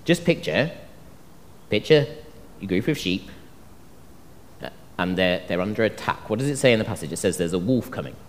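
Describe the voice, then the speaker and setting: A man delivering a sermon with lively, swinging intonation. He acts out the voices he quotes and keeps the congregation inside the story. His voice carries a long reverb through a church hall. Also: lowish voice, moderate pace, long pauses, a little hiss or hum. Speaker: preacher.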